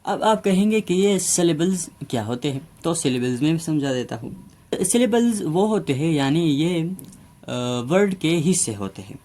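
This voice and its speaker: A man teaching grammar in a slow, deliberate classroom manner, drawing words out syllable by syllable, with fillers and frequent check-ins, and speaking words. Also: a little high, lively intonation, dark tone.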